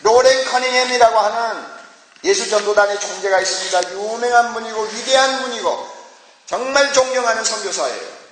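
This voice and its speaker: In a large church hall, a pastor preaches emphatically in a high, slightly bright voice at a moderate pace, using rhetorical questions and exclamations. The echoey hall gives long reverb, and there is a little hiss or hum.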